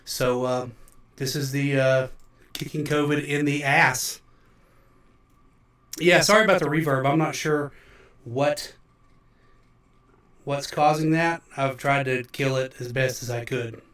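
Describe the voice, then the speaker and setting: A man's voice: mid-range voice, fairly even intonation, slow pace, long pauses, a bit bright, far from the mic. A middle-aged man who is under the weather, rambling with many fillers as he hosts a casual livestream, his voice echoing as in a big hall. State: recovering from illness, under the weather. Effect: roomy echo like a big hall. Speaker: musician livestream host. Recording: echoey room, voice from off the mic.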